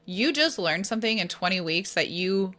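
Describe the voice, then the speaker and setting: A woman in her thirties co-hosts a podcast in easy, casual chat. Her voice is bright and forward, at a middle pitch. She talks with eager enthusiasm and peppers it with "like" and restarts. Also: expressive, moderate pace. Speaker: podcast co-host.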